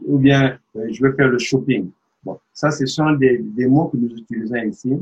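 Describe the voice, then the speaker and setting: Husky man hosting an interview. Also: mid-range voice, moderate pace, darkish tone, dull audio. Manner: explanatory, addresses the viewer. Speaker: interview host.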